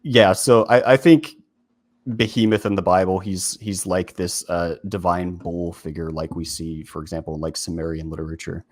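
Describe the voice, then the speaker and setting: Man, very deep voice, dry close sound, casual talky commentary, fillers and restarts. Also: fairly even intonation, moderate pace, no echo. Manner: informal, frequent fillers and restarts. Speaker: video essay host.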